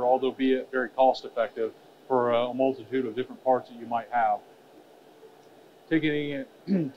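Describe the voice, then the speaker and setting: A man in his thirties giving a trade show presentation on a stage, talking with many fillers and restarts. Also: mid-range voice. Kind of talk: conference presentation. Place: expo stage with curtained backdrop. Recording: dull lo-fi sound with faint hall noise.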